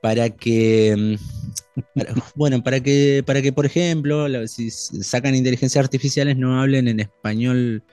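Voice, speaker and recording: A man's voice: medium pitch, steady tone, dark tone, clear, resonant tone, dry recording, faint music behind. Hesitant man chatting tech. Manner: hesitant, many restarts and fillers, reads news quotes quickly. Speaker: podcast co-host. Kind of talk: casual tech chat.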